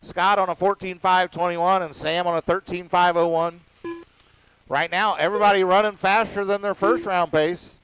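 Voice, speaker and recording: A man announcing a radio-controlled car race, rattling off lap counts and times in a casual, quick-fire way. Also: high-pitched, fairly even intonation, fairly bright tone, a little hiss or hum, rough recording. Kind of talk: live race commentary.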